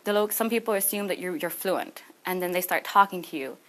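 A young adult woman, a student, gives an informal, conversational presentation full of anecdotes in a small classroom, recorded by a camera a few meters away. Her voice is fairly low in pitch and a bit bright, and she speaks briskly.

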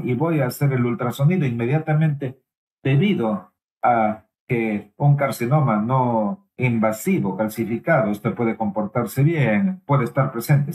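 A man giving a simultaneous interpretation of a medical lecture, halting at times with pauses, fillers and restarts. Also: medium pitch, darkish tone, poor audio.

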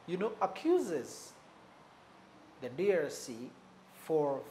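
A man giving unscripted commentary on politics, measured and pausing often, leaning hard on key words. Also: fairly high pitch, very animated, dark tone, slight background noise. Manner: stresses key words for emphasis.

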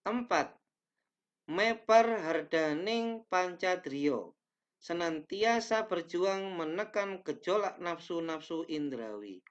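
A young man teaching a class, reading slides aloud with careful pacing and small self-corrections, in a small indoor room. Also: sits high. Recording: dull lo-fi webcam audio.

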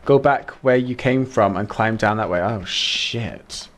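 A man with a Mancunian accent, streaming a game and chatting to his viewers, excitable and dramatic, jumping from squeals to mutters. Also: fairly low pitch, unhurried, background noise. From Manchester, England. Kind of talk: casual game streaming chat.

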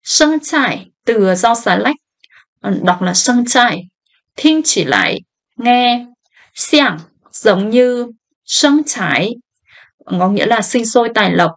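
A woman teaching a language lesson, reading each phrase slowly and then explaining it. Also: a little high, expressive. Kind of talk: slow line-by-line language lesson.

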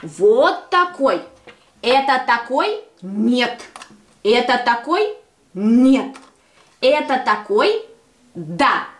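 A young woman speech therapist leading a playful exercise with a small child, over-enunciating in sing-song, drawn-out, repeated short phrases. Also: fairly high pitch, very animated. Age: young adult. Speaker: speech therapist teaching a toddler. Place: small furnished children's room, indoors. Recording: roomy echo, clear background noise and clicks.

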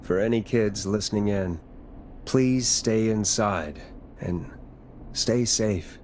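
Slow-talking, concerned radio DJ. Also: male voice, lowish voice, a little mellow, slight background noise. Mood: somber, sincere. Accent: American. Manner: measured, sober, reassuring. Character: steady, concerned male late-night radio DJ. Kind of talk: video game acting.

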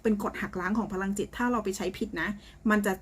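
A woman's voice: mid-range voice, quick pace, slightly rough. A woman giving a casual spoken lesson to her students as a psychic teacher, chatty and blunt, often ending phrases with polite particles.

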